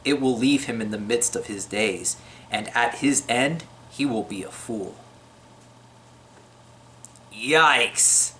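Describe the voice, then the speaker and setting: Man of ordinary pitch, slightly shaky voice, casual off-the-cuff faith talk to camera. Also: slow, long pauses, pushed and bright, a little hiss or hum. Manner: chatty, unscripted, with many fillers and restarts.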